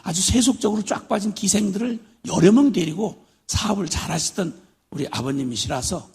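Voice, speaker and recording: A man's voice: high-pitched, fairly quick, husky. An older man preaching a sermon as a missionary, telling stories with humor and acting out voices. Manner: storytelling with humor, acting out his father's drunken shouts.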